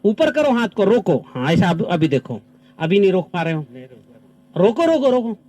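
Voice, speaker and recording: Man, high-pitched, very lively intonation, outdoor farm demonstration, repetitive commands. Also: normal speed. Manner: animated, repeats short commands. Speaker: natural farming trainer. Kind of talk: live outdoor demonstration with participants. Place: outdoors on farmland under trees.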